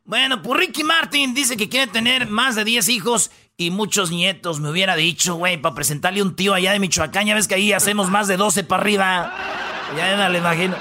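A man's voice: high-pitched, fairly quick, few pauses, background noise. A Mexican man hosting a radio countdown, talking in a rowdy, slangy, teasing way. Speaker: radio show host. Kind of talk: joking radio countdown chat.

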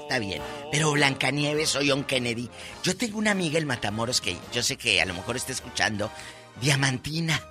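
A man's voice: mid-range voice, expressive, brisk, over music. A man from Mexico co-hosting a comic radio show, joking and acting out voices in his anecdotes. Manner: playful, acts out voices in anecdotes. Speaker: radio co-host.

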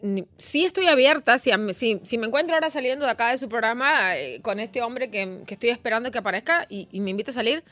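A woman with an Argentine Spanish accent talks earnestly and at length as a talk-show guest. Her voice sits a little high. The sound is dry and close. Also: expressive, quick pace, hardly any pauses, fairly bright tone, dry recording. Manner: talkative, earnest. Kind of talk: casual talk show chat.

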